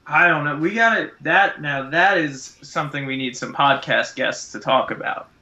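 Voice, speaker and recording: A man's voice: on the high side, normal speed, sharp tone. A man chatting casually as a podcast co-host over an internet call. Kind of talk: casual chat. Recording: dull, lo-fi internet call audio.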